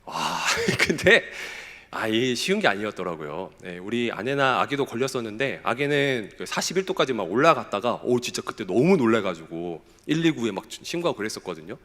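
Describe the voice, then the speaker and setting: A male pastor giving a sermon, questioning his congregation in an emphatic way and sounding slightly hoarse. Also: medium pitch, sing-song, moderate pace, fairly bright tone, big-room sound. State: hoarse, recovering from illness. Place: church sanctuary.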